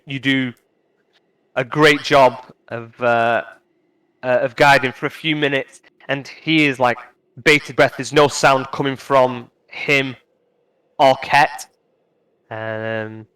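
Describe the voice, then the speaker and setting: A man narrating as game master of a tabletop game, halting with many fillers and restarts. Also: medium pitch, fairly bright tone, clean tone, poor audio.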